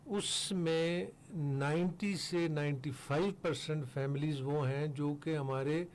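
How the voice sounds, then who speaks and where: An older man from Pakistan, a foundation head speaking as a guest in a radio studio interview, explaining steadily with pauses and fillers. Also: on the high side, fairly even intonation, darkish tone, a little hiss or hum.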